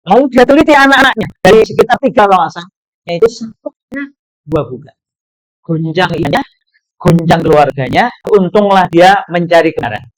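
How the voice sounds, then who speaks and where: A male Islamic preacher giving a religious study talk at a boarding school, an animated storyteller who slips in English phrases. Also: high voice, normal speed, no echo, rough recording.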